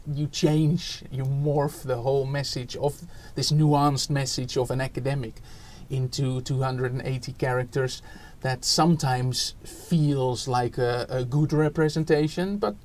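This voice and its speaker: This guest, an education researcher in his forties from the Netherlands, speaks with a Dutch accent in a podcast interview, thoughtful but full of fillers and restarts. He has a medium-pitched, somewhat mellow voice with fairly even intonation, a measured pace, and few pauses.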